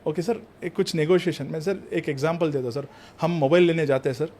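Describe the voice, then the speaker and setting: A man's voice: a little high, brisk, darkish tone. A man working as a numerologist and vastu consultant, telling stories earnestly, mixing in English phrases and calling the interviewer sir in nearly every sentence. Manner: mixes Hindi with English phrases. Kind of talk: earnest anecdotal storytelling.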